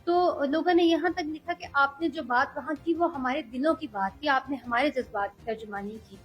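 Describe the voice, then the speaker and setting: A young woman speaking earnestly as an interview guest, measured and hesitant at times. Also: high-pitched, muffled recording, soft background music. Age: young adult. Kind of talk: political interview.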